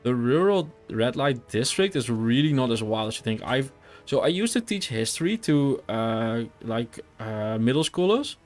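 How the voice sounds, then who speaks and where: A man's voice: medium pitch, sing-song, moderate pace, faint music behind. A young Dutch man with a Dutch accent, chatting casually while streaming a game, rambling with fillers and restarts. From Netherlands. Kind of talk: casual gameplay chat.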